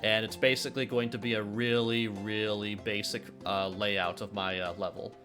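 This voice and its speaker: A man's voice: lowish voice, little pitch movement, moderate pace. A young man streaming his game development work in a casual, rambling chat. He fills his talk with hesitations, tells jokes and reads chat questions aloud. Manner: rambling, full of filler sounds and restarts. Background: faint background music.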